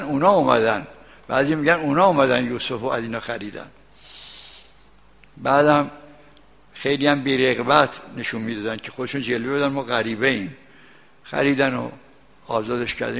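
A man's voice: mid-range voice, vocal fry, fairly bright tone, in a large hall. An older man giving a religious commentary, reciting verses and explaining each one in plain everyday speech. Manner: recites Arabic verses, then explains them in colloquial Persian. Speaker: Quran commentator.

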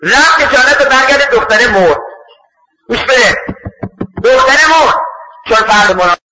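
A man preaching a sermon through stories, in an animated way, acting out the voices of the people in them. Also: extremely high pitch. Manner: animated, acts out voices in the story. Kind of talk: storytelling sermon. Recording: echoey, dull lo-fi recording.

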